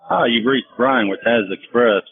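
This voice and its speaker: A man running a trucking firm, giving a friendly, unhurried answering machine greeting heard over a phone call. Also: mid-range voice. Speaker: owner of a small trucking firm. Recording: tinny phone line with clear hiss.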